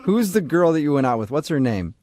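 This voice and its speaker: A man's voice: a little high, very animated, fairly quick, a little mellow. A man hosting a radio show, asking a caller questions with teasing jokes and frequent laughter. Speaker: radio host. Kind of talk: morning radio banter.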